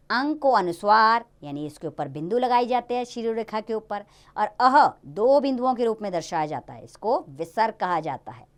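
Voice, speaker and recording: A woman teaching a Hindi grammar lesson to young children in a lively, sing-song way. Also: medium pitch.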